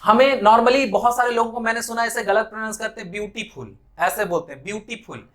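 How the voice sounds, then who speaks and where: A man with an Indian accent teaching a spoken English lesson in Hindi, slowing down to spell out English words syllable by syllable. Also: very high-pitched, fairly even intonation, fairly bright tone.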